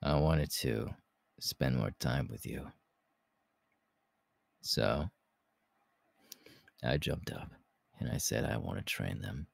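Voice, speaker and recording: Very deep, gravelly Hawks, romantic ASMR man acting. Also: dry recording, heavily acted. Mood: tender, confessing. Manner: intimate, halting, breathy laughs and sighs. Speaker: voice actor, ASMR artist. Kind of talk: romantic ASMR audio roleplay.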